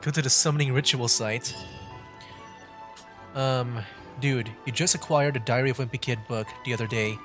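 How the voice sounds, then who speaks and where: A young man streams a game, offering casual, hesitant commentary that rambles and repeats itself. His voice is medium in pitch and a bit bright, with game music playing behind him.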